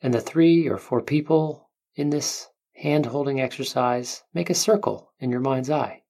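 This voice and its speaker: A meditation guide speaking gently and unhurriedly, with long pauses between soothing instructions. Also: medium pitch. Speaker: meditation guide, podcast host.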